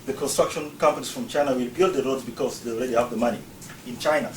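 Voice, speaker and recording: A Ugandan man delivers a prepared talk, explaining his argument point by point and talking fast. His middling-pitched voice is captured far from the mic, with a noticeable room echo and a faint hum of ambience in the background.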